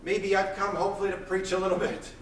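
A man in his thirties preaching a sermon, pacing the stage of a small church with intense, loud delivery. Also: sits high, little pitch movement, fast, slight background noise. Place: small church hall, indoors. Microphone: far camera, room mic. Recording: echoey church hall from far off.

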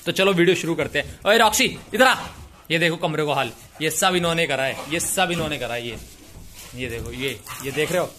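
A man's voice: a little high, a little fast, fairly bright tone. Chatty male pet vlogger. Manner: chatty, addressing viewers directly. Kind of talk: casual vlog chat.

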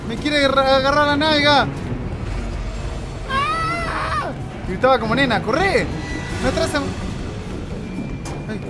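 Argentine guy doing lets play commentary, high voice, jokes around and screams a lot, music under it. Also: moderate pace, pauses often. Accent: Argentine Spanish. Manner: jokey, yelps and screams in panic. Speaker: gaming YouTuber. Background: background music.

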